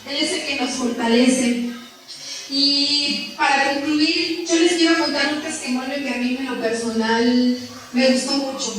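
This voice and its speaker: A woman preaches in a church hall, her high voice carrying through heavy echo. She stands some distance from the microphone and tells her story in a conversational way, stopping often for rhetorical questions. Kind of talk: sermon. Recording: echoey room from far off the mic.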